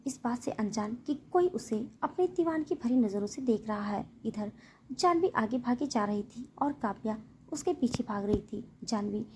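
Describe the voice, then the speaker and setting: Higher-voiced woman telling a story. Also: a little hiss or hum. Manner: expressive storytelling. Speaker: narrator. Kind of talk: storytelling narration.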